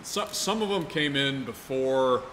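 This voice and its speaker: A man's voice: medium pitch, animated, measured pace, a bit bright, long reverb tail, a little hiss or hum. A man co-hosting a casual chat, chiming in with brief, factual remarks. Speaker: podcast co-host.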